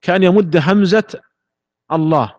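A man giving a religious jurisprudence lesson in a measured, explanatory way, sometimes demonstrating recitation. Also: high voice, darkish tone, dry recording, muffled recording. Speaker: Islamic jurisprudence teacher.

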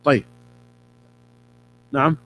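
Teaching a religious text to a class, a middle-aged man repeats key terms and pauses so students can respond. His voice sounds a bit bright.

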